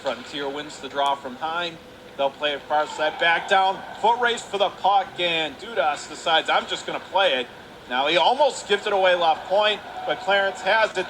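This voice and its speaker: Calling a live hockey game from an indoor arena, a male radio play-by-play commentator uses a notably high voice and short, clipped phrases, rising into excitement on big plays. Rink noise is clearly audible behind him.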